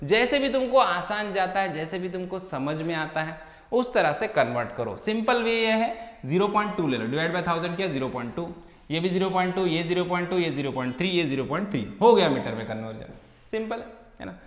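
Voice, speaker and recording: A man's voice: high voice, animated, normal speed, fairly bright tone. A man teaching engineering mechanics, explaining a solved problem step by step in a conversational way, often checking with his students and answering his own questions. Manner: asks questions and answers them himself. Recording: echoey room with a long reverb tail.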